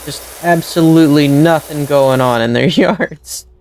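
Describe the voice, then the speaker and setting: A woman's voice: low-pitched, unhurried, darkish tone, a little hiss or hum, poor audio. A woman streaming a game, muttering dry sarcastic remarks and playfully meowing now and then. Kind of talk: casual gameplay commentary.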